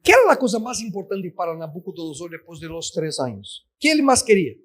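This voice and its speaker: Male preacher, high voice, emphatic sermon delivery. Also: big pitch swings, fairly quick, a bit bright. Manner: emphatic, addresses listeners as "queridos". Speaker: pastor.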